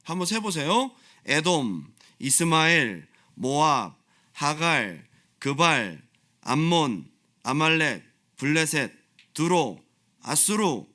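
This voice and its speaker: A male pastor preaching a sermon in a church, impassioned and repeating phrases for emphasis, swinging between loud pleading and quiet explanation. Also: on the high side, sing-song, takes it slowly. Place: church sanctuary.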